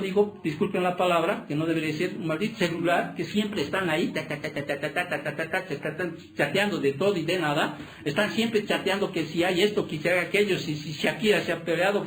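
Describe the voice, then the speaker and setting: A man's voice: high-pitched, a bit bright, a little hiss or hum. A man, a pastor, preaching a sermon and pressing the congregation with constant rhetorical questions. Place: church hall. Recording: echoey church hall.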